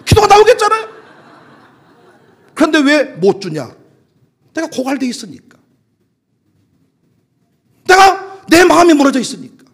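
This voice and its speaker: A man preaching a sermon as pastor, with a Jeolla dialect, moving between loud emphatic calls and soft asides. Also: very high voice, sing-song, measured pace, long pauses.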